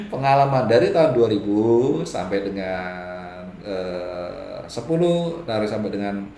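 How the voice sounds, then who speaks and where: Animated male coach, roomy sound. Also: slow pace, a little hiss or hum. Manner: animated, laughs often, mimics people in a higher voice. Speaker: business coach. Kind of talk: live-stream talk answering viewer comments. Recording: roomy echo.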